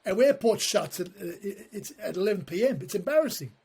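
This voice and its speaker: Husky, high-voiced man. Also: brisk. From born in Turkey, raised in Australia. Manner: animated storyteller who acts out dialogue. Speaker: guest, comedy writer. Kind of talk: casual podcast conversation.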